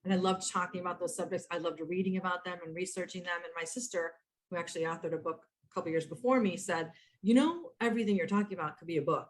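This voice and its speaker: Fast-talking woman in her fifties. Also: lowish voice. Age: 50s. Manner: animated, quotes herself, frequent restarts. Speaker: guest, author and entrepreneur. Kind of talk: conversational storytelling.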